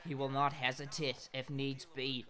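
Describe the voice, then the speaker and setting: A man giving play-by-play commentary on a video game fight, shouting at big hits and losing his voice from all the shouting. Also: mid-range voice, flat delivery, moderate pace.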